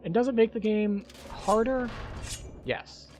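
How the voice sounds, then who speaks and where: A man's voice: high voice, a little slow, a little mellow, a little hiss or hum. A man giving casual commentary while he plays a video game. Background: game music.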